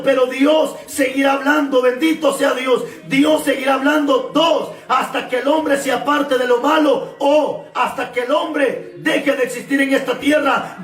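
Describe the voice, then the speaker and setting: A man preaching a fervent sermon, repeating phrases and often shouting. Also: extremely high pitch, reverberant, distant mic. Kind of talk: shouted Pentecostal-style sermon.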